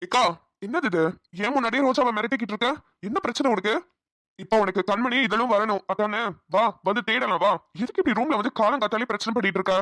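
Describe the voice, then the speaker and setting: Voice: medium pitch, quick pace, a bit bright, no room sound, close to an everyday voice. A voice actor playing an impatient, dismissive younger brother in a cartoon. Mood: exasperated. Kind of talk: cartoon voice acting.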